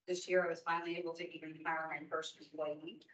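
An esthetician from Oregon, a woman in her fifties, gives an earnest, emphatic public comment to a licensing board in a large meeting room. She speaks fast in a low, fairly flat, slightly bright voice, captured by a distant room mic in roomy, dull audio.

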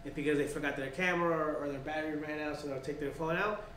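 A man's voice: fairly high pitch, steady tone, fast talker, fairly bright tone. A man co-hosting a casual tech podcast, giving blunt opinions and swearing freely in banter. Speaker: podcast co-host. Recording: roomy room with faint noise.

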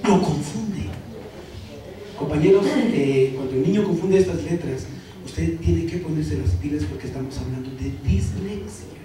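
Animated Guatemalan man lecturing in an echoey hall. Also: a little high. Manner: animated, addresses the audience as colleagues. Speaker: teacher trainer. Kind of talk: workshop lecture. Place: large hall. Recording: echoey hall from far off, noisy.

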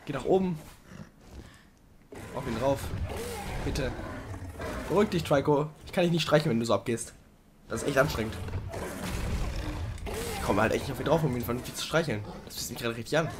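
A young man doing casual let's play commentary, chatting to the game creature and sometimes swearing loudly. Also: medium pitch, brisk, pauses often, noisy background.

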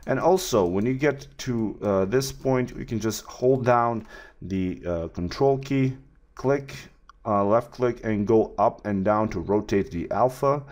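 Low-voiced man guiding a software tutorial. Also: a little slow. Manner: relaxed, with many fillers and restarts. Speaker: 3D art tutor. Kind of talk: screen-recorded software tutorial.

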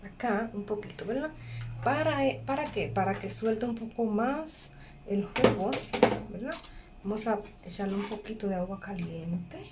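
A woman talks through a kitchen task in a casual, step-by-step way. Her pitch sits in the middle range, and she often repeats herself and checks that you follow. Clear background noise runs behind her phone recording. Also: normal speed. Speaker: home cooking vlogger. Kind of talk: casual cooking demonstration. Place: small indoor kitchen at a workplace.

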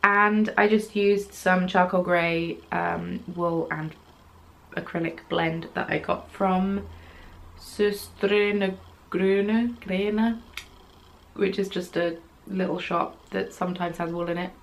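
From a small home craft room with yarn on the wall, a young knitting podcaster chats slowly in a fairly low, fairly even voice with vocal fry. Her casual talk is rambling and self-deprecating, full of ums, over a slight hiss or hum.

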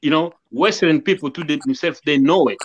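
A man's voice: fairly high pitch, brisk, breathy edge, highs cut off. Earnest man preaching unity on a video call. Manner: earnest, preachy, repeats himself, acts out quoted greetings. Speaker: guest musician. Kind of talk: casual interview talk over video call. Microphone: video call webcam.

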